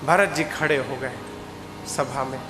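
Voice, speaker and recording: A man's voice: mid-range voice, slow pace. A man preaching a religious story, acting out dialogue between figures and breaking into sung lines, recorded in a large hall on a stage microphone with live music. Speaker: katha preacher. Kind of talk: sermon storytelling. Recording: echoey hall with instrument backing.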